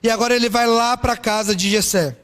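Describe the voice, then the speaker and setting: High-voiced preacher in a reverberant hall. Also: male voice, fairly quick. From São Paulo, Brazil. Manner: lively storytelling preaching with rhetorical questions. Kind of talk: sermon.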